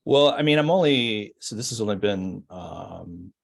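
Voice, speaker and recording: A man in his forties, a guest on a podcast, reflecting on his past in casual conversation. His voice is rather low and husky. He pauses, restarts and fills gaps as he thinks aloud. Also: lively intonation. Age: 40s. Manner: reflective, hesitant, many fillers. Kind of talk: casual storytelling.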